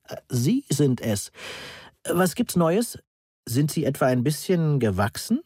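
A man's voice: a little high, big pitch swings, slow pace, mellow, husky, dry recording, studio quality, pitched above the performer's own voice, heavily acted. A man doing a hesitant puzzled lecturer. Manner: hesitant, with "äh" fillers. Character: middle-aged male lecturer, reserved, puzzled.

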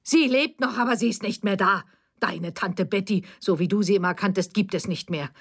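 Eine Frau spricht in einer Hörbuchlesung eine verbitterte ältere Mutter mit vorwurfsvollem, schneidendem Ton. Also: female voice, medium pitch, brisk, husky. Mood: reproachful. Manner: reproachful, cutting. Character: bitter, defensive older mother.

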